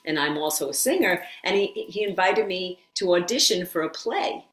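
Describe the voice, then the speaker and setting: Animated woman guest in a roomy echo. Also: fairly low pitch, normal speed. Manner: animated storyteller who acts out quotes and laughs often. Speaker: yoga teacher and former occupational therapist. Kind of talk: guest storytelling in a casual interview.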